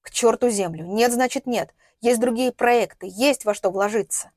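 A woman's voice: fairly high pitch, normal speed, a little mellow, dry recording, clean studio sound, close to an everyday voice. Woman reading as a desperate father, pleading. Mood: anguished. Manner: strained, pleading outbursts. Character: desperate middle-aged man searching for his missing daughter.

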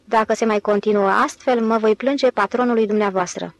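A woman reading the part of an indignant foreign male specialist in an audiobook, complaining loudly. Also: mid-range voice, steady tone, dry recording, lightly acted. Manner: shouting, indignant.

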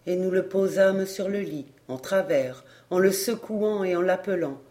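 A reader narrating a nineteenth-century novel in a measured, solemn way, as an audiobook. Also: mid-range voice, mellow.

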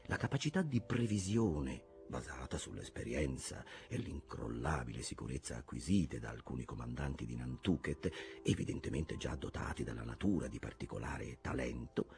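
A man narrating a novel as an expressive, measured dramatic reading. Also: very deep voice, gravelly. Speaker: audiobook narrator.

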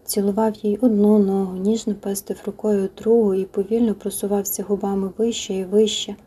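A woman narrating a novel as an audiobook, soft and intimate, sometimes sinking into a whisper. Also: mid-range voice, level tone, fairly quick, husky.

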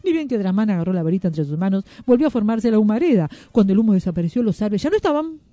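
A radio storyteller reading a children's story in a playful, lively way. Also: medium pitch, very fast, no room sound. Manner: playful, lively read with wordplay. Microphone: studio radio mic.

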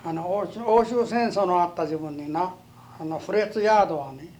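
A man's voice: high-pitched, normal speed, a little mellow. An elderly man from Japan with a western Japanese accent, telling his life story as an interviewee in a folksy way, often repeating himself. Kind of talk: oral history reminiscence.

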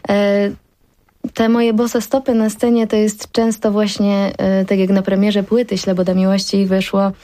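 A young woman from the Podhale highlands, a singer guest in a radio interview, bubbly, laughing often and pausing to find words. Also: completely flat delivery, dark tone, dry recording. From Podhale, southern Poland. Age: young adult. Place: radio studio.

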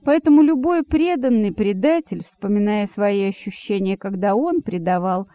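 A woman narrates a satirical fable in a measured, expressive reading voice of medium pitch. The recording is narrow and phone-like, with a dry sound and no room echo.

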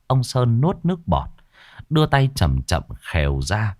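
A man reading a ghost story aloud in a dramatic, expressive style. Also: medium pitch, measured pace, no room sound, clean studio sound. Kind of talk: scripted horror story narration. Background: faint background music.

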